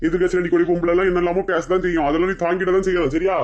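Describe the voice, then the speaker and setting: Woman playing a fast-talking scolding village husband. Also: on the low side, little pitch movement, darkish tone, muffled recording, pitched below the performer's own voice, lightly acted. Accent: Kanyakumari Tamil. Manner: teasing, scolding, rapid-fire. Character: bickering middle-aged village husband.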